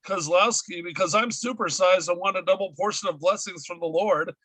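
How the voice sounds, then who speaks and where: A man's voice: sits high, a little fast, a bit bright, no echo, rough recording. A man co-hosting a radio talk show, opening with an upbeat, jokey announcer delivery. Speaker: co-host.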